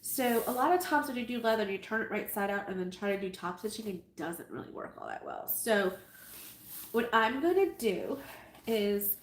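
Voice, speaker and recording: This sewing livestream host speaks at medium pitch and normal speed, her intonation lively despite a stuffy, nasal quality. Chatty and amused with herself, she welcomes viewers to her casual live tutorial from an echoey room with a little faint noise.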